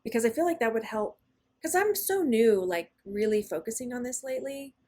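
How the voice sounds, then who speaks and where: A woman with a slightly high voice co-hosts a casual spiritual podcast. She tells stories with lively energy but often trails off and restarts while looking for words. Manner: animated storyteller, halting and searching for words. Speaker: podcast co-host.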